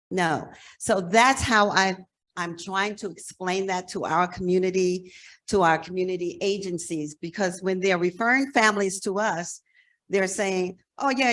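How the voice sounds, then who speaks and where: A woman in her sixties from New Jersey, the executive director of a nonprofit, talks to a conference audience in a mid-range, fairly bright voice. She comes across as frank and emphatic while keeping things conversational.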